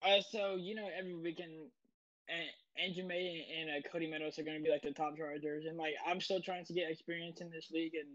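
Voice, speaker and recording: A man's voice: on the high side, steady tone, fast talker, fairly bright tone. A man driver answering post-race questions hesitantly, with many fillers. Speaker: sim racing driver interviewed after a race. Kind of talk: casual post-race interview. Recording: dull lo-fi mic.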